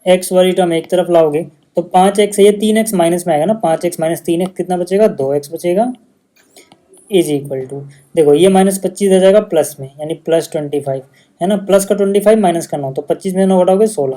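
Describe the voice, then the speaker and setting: A man's voice: high-pitched, fairly quick, mellow. A male maths teacher, patiently explaining steps in a casual lesson video.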